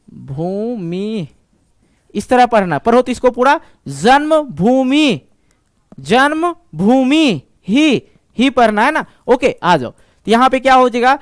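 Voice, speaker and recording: Male Sanskrit tutor, high and clear, measured unhurried delivery, soothing coaching tone. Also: a bit bright, no echo, clean studio sound. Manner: patient, reassuring, repeats words slowly. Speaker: Sanskrit teacher. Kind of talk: online exam-prep lesson.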